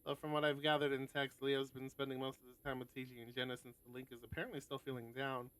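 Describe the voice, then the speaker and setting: Talking fast in a mid-range voice with little pitch movement and a slightly bright tone, a visual novel stream host mixes read-aloud passages with casual, occasionally sweary commentary. The recording is dry.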